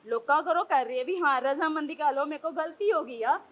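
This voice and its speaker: A young Punjabi woman with a Punjabi accent, giving an agitated interview to reporters and pressing one rapid rhetorical question after another. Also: sits high, fairly bright tone. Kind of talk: heated street interview.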